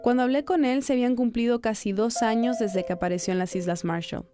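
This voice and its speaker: A woman reporter giving calm, measured, scripted narration of a true story. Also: a little high, music in the background.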